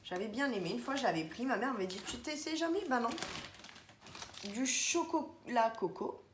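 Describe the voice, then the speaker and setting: A vlogger chats casually at home indoors through a grocery haul, rambling and speaking straight to viewers. Her voice is fairly high and expressive at a moderate pace, and the room is echoey with faint background noise.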